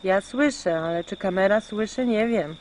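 A woman's voice: mid-range voice, a little fast, a little mellow, a little hiss or hum, rough recording. A woman chatting casually with her family at home, explaining things to the children, heard on an old VHS home video recording through the camcorder microphone. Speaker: mother filming family at home. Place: home, near a lizard tank.

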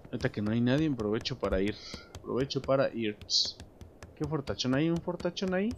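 A young man with a Mexican accent giving joking, animated let's play commentary, talking to himself and his viewers as he plays. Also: mid-range voice, brisk. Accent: Mexican Spanish. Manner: animated, jokey, talks to himself and viewers while playing. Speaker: gameplay commentator. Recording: background game music.

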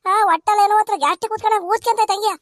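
A woman's voice: very high voice, fairly even intonation, no room sound. A woman voicing a greedy, bloated old village grandmother in a cartoon, fussy and whiny. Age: older. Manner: fast, whiny rural chatter. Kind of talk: cartoon comedy voice acting.

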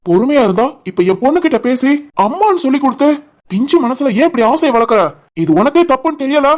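A stern young father in a cartoon, voiced by a woman, talking fast in a somewhat high voice. He has a Kanyakumari-Tirunelveli Tamil accent and scolds harshly, fiercely protective. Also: animated, a little mellow. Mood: scolding.

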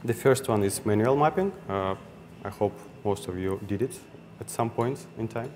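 The speaker is a young man at a technical meetup, his Russian accent clear and his voice lowish and a little mellow, moving at an ordinary pace. Fillers and false starts pepper his hesitant delivery. There's hall echo and a faint hum of ambient noise, with an audience present.

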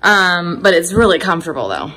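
A woman in her thirties vlogs from the furnished rooms of her home, holding her phone at arm's length while chatting about clothes she's trying on. She's informal and upbeat, her lowish voice sing-song, a little fast, pushed and bright, slightly rough, and the recording itself is rough.

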